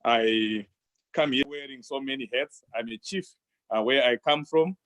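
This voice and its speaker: A middle-aged man from Zimbabwe, answering interview questions in a measured, halting way. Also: mid-range voice, fairly bright tone. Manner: measured, halting, many pauses. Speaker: guest, human rights activist.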